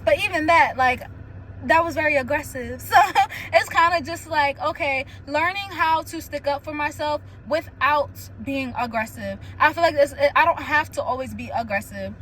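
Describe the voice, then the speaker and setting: A young woman hosting a casual solo chat, telling stories candidly with lots of "like" and quick laughs. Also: high-pitched, slight background noise, low-quality recording. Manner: candid, animated storytelling with frequent "like" and laughs. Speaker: podcast host.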